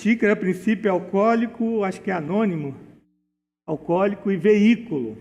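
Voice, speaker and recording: A high-pitched Brazilian man runs a recorded exam-solution lesson, walking through each grammar rule at a patient, teacherly pace. He drags out example words and leans on diminutives. His voice rings with a long hall reverb. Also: a little mellow, dull audio. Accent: Brazilian Portuguese. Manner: didactic, slows to spell out words and rules, uses diminutives.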